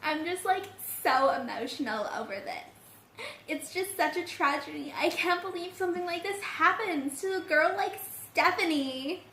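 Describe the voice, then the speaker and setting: A woman's voice: very high-pitched, lively intonation, normal speed, sharp tone, a little hiss or hum, full character voice. A woman playing a melodramatic, self-important small-town girl cheer captain who gushes and sniffles. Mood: tearful. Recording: echoey room.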